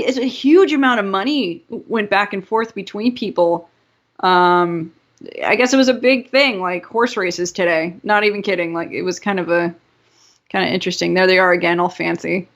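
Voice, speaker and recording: A woman's voice: mid-range voice, moderate pace, a bit bright. A woman co-hosting a casual podcast, rambling through a history story with giggles and silly put-on quotes. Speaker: podcast co-host. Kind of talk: casual chat.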